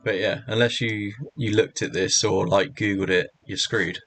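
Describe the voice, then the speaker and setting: Gravelly low-voiced man rambling on a stream. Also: steady tone, fairly bright tone, soft background music. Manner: rambling, halting, lots of "like" fillers. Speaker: streamer walking through a hacking challenge. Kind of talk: casual livestream commentary.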